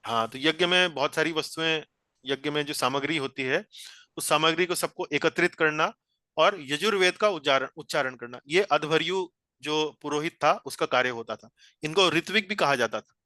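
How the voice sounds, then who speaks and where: A man's voice: a little high, normal speed, bright, forceful tone, dry recording. A man teaching a scripture study class over a video call, explaining each point patiently and repeating phrases as he guides a reader.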